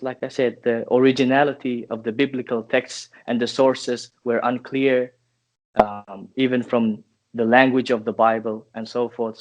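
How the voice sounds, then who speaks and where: A man in his twenties from Finland, a guest answering interview questions in a thoughtful, halting way with restarts. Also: mid-range voice. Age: 20s.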